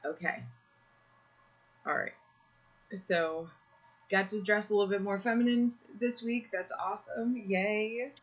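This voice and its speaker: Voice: mid-range voice, fairly even intonation, unhurried, pauses often, muffled recording. A podcast host chatting casually over a home computer mic, rambling and correcting themselves, with a slightly strained, irritated throat. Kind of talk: casual chat. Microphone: own computer mic, live video call.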